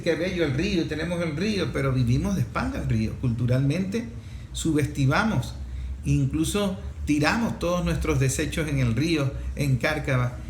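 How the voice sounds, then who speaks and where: This talk programme host is a man with a Venezuelan accent and a fairly high voice who speaks earnestly, repeating phrases for emphasis. The room has a roomy echo, with faint music and slight background noise behind him.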